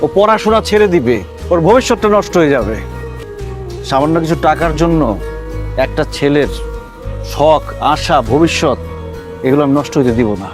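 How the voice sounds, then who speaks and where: An earnest, lecturing good husband, high voice, fast delivery, music behind. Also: male voice, very animated. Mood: earnest pleading. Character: kind-hearted young husband, earnest persuader. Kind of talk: TV drama acting.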